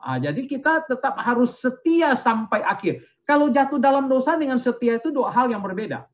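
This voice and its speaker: An older man, an invited pastor, explaining doctrine in a question-and-answer session, animated and chuckling, with swings of pitch. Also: brisk, muffled recording. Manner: animated, chuckling, pitch rising and falling widely.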